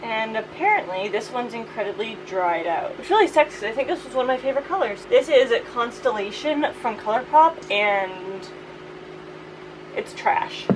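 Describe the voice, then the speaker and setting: Her voice is fairly high and quick, with hardly any pauses, as this woman vlogger playfully chats through a casual beauty declutter in slangy, informal terms. The low-quality recording has music in the background and a fan running steadily as she talks.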